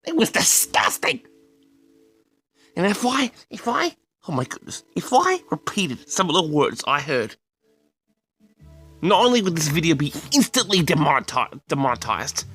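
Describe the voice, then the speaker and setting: A vlog host tells a story straight to his audience in a forceful, gravelly voice. He's theatrical and indignant, using dramatic pauses and big swings in pitch as he narrates his monologue.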